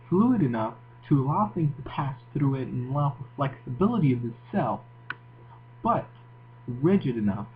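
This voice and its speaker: A man with a Moroccan accent giving an informal, explanatory science lecture as a tutor in an educational video. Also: mid-range voice. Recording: tinny phone-like audio, audible hum and hiss.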